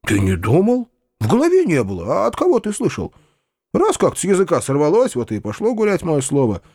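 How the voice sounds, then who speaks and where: A flustered, kindly old landowner, as a male reader puts him on, his high voice jumping about as he pleads and fusses. He gets out his words in quick, timid bursts, close and dry like an audiobook. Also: wildly swooping pitch, darkish tone, breathy edge, no echo, full character voice. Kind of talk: audiobook character voice.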